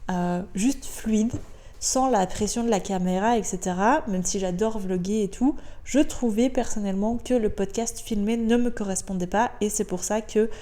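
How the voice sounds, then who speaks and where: A Belgian woman with a French accent hosts her own casual solo podcast, chatting in an upbeat way with lots of filler sounds and repeated words. Her mid-range voice is warm and at normal speed, recorded on a podcast microphone.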